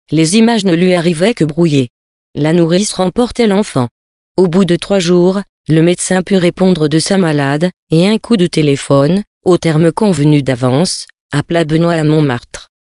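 Narrating a French novel as an audiobook, a man with a darkish, high-leaning voice reads in a measured, literary way, slightly shifting his voice for each character. The recording is dry and studio quality.

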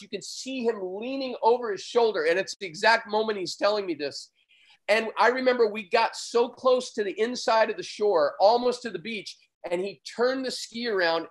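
A man, a surf photographer, telling an excited, vivid story as a guest in a conversation, often getting loud. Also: sits high, poor audio.

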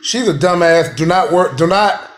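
A family vlog host with a voice on the high side and lively intonation talks at a moderate pace. He trades laughing, profane, mock-threatening banter with his relatives in a rowdy, comedic vlog.

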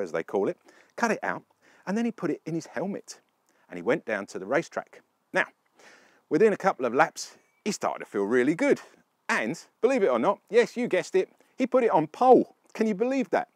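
A man's voice: mid-range voice, no room sound, clean studio sound. A man presenting a casual car review walkaround outdoors beside a car, chatty and storytelling, often asking the viewer questions.

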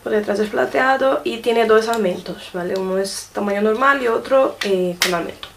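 With a medium pitch and some vocal fry, this woman talks her way through a pile of makeup gifts, showing every item to the camera. She's a chatty beauty vlogger who often tacks on little question tags for her audience, over slight background noise.

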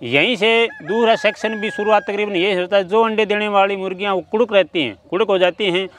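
In an outdoor interview on his farm, a middle-aged poultry farmer earnestly lays out his work step by step. He talks fairly quickly in a high, steady, slightly bright voice, with a little background noise. A handheld mic at mid distance also catches the chickens clucking and crowing around him.

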